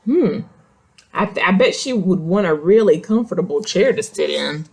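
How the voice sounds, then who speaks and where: A woman with a lowish, darkish, husky voice and a touch of creak reads a picture book aloud to young children. She speaks at a normal speed with lively intonation, reading expressively and adding simple questions and explanatory asides as a storyteller.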